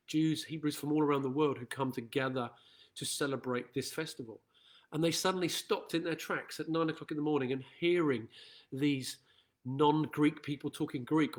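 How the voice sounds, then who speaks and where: An earnest man speaks as a school chaplain. His voice sits at an ordinary middle pitch, and he delivers a reflective assembly talk in a sincere, thoughtful way.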